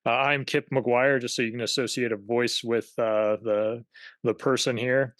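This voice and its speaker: A man's voice: medium pitch, steady tone, a bit bright, no echo. Man presenting a webinar, dry sound. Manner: halting, many fillers and restarts. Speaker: government affairs director.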